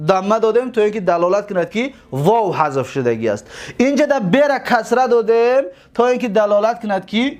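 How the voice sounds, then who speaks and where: Man, Tajik accent, grammar teacher, high voice, repeats forms, checks if pupils follow. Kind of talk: recorded lesson on Arabic grammar.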